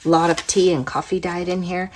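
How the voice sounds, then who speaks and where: A woman's voice: lowish voice, level tone, a little fast, a little hiss or hum. A woman hosting a crafting channel, chatting casually as she shows her work, her voice worn from being under the weather. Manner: chatty, rambling, soft-spoken at times. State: sick, voice worn from a cold. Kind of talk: casual crafting show-and-tell.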